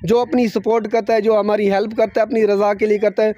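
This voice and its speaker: Young male vlogger, high but mellow voice, earnest and devout, outdoor phone recording. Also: level tone, quick pace, dull audio. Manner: earnest, devout, many religious phrases. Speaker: family vlogger. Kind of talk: casual vlog narration. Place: outdoors at a rural building site.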